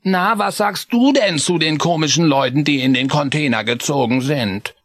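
A man's voice: a little high, moderate pace, dry recording, pitched above the performer's own voice. Chris, an eager little boy mouse, voiced by a man. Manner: excited, chatty.

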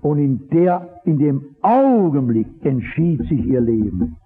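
A man preaching a sermon, impassioned, swinging from loud exhortation to low earnest asides. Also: sing-song, slow pace, breathy edge, faint music behind. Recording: tinny old radio broadcast.

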